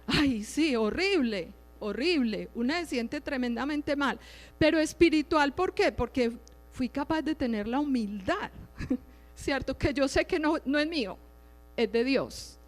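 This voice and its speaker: A woman's voice: sits high, lively intonation, measured pace. Middle-aged woman preaching in an echoing hall. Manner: conversational, checks in with listeners by asking "right?". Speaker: lay preacher giving testimony. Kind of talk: religious teaching with personal testimony. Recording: reverberant hall with faint music behind.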